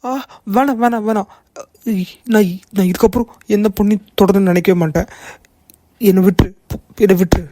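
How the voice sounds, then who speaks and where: A performer doing a cartoon male thug, beaten and cowardly, panicked begging, dark dry voice. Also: medium pitch, a little fast, no room sound, natural voice. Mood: pleading. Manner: panicked whimpering pleading.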